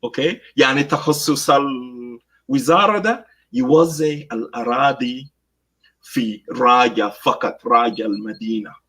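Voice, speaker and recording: A man's voice: medium pitch, unhurried, a bit bright, slightly rough, poor audio. South Sudanese man giving commentary. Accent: South Sudanese Arabic. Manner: mixes Arabic with English phrases; hesitant, many fillers. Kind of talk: political commentary.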